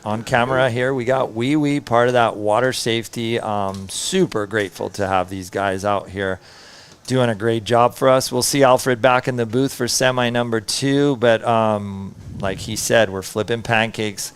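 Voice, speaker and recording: A man's voice: medium pitch, steady tone, normal speed, smooth. A middle-aged man giving conversational live commentary as a surf contest announcer.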